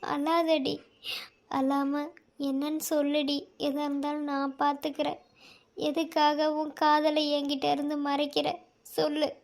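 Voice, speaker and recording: A woman doing a young man in a cartoon romance, insistent and pleading with the girl he loves. The voice sits fairly high but barely rises or falls, holding one earnest, teary register throughout. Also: completely flat delivery, a little slow. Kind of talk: cartoon love-story voice acting.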